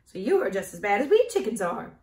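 A woman voicing a bold, matter-of-fact female talking hen in a storybook reading, loud and emphatic, in a roomy, echoey recording. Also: mid-range voice, sing-song, fairly quick, distant mic, natural voice. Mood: confident. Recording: roomy echo.

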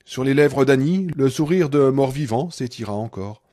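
Mellow-voiced male audiobook narrator. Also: mid-range voice, expressive. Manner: measured, dramatic, darkening on tense passages.

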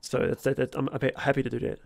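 A man, chatting informally and haltingly about games as a streamer, swearing casually. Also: medium pitch, flat delivery, creaky, dry recording, clean studio sound. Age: 20s. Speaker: streamer and host of a gaming series. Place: small room at home. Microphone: close desk microphone.

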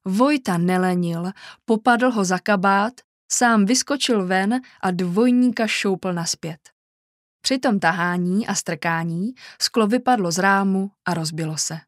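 A woman narrating a children's storybook in a calm, measured way. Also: mid-range voice, no room sound, studio quality. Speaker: audiobook narrator.

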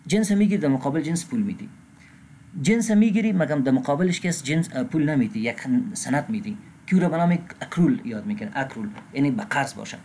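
A man with an Afghan Dari accent gives a recorded accounting lecture, reading English terms slowly and pausing with filler sounds. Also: on the high side, darkish tone, a little hiss or hum. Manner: frequent filler sounds and restarts. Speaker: accounting instructor.

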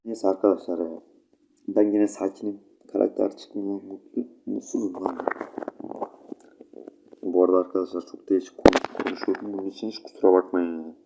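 A man's voice: sits low, flat delivery, a little fast, vocal fry, dull audio, background noise. A sleepy young man with a stuffy nose, rambling chattily to his viewers while commenting on his gameplay. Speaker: gaming channel host.

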